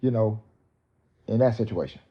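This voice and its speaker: A man's voice: on the low side, normal speed, highs cut off. Man host with loose slang commentary. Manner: loose, profane, street slang. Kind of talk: casual commentary.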